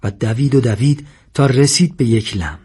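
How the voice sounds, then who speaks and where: A man narrating a story in a steady, measured reading voice. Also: mid-range voice, husky.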